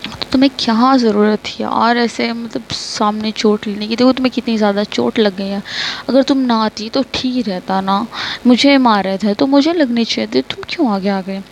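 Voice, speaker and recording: A woman's voice: on the high side, normal speed, slight background noise, natural voice. A woman voicing a stern, protective young woman who scolds and orders her friend to rest, in a storybook reading. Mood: worried. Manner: scolding, bossy.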